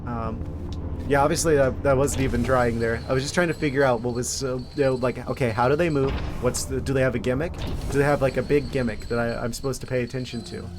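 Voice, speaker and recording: A man giving casual, wry gameplay commentary as a streamer, thinking out loud. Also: medium pitch, fairly even intonation, fast talker, background noise. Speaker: game streamer.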